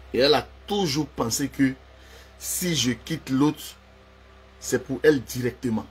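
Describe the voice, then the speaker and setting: A man's voice: fairly high pitch, breathy edge. Man, ranting. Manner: heated, accusing, repeats himself for emphasis. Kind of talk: confrontational personal rant.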